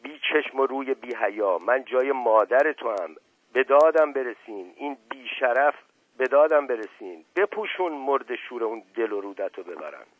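A man voicing a sharp-tongued older woman in a storybook reading, shrill and accusing, over a tinny radio broadcast. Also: animated, lightly acted. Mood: shrieking.

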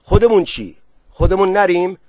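A man voicing a village headman who speaks briskly and gives orders. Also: fairly high pitch, no echo, pitched above the performer's own voice, lightly acted. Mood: concerned.

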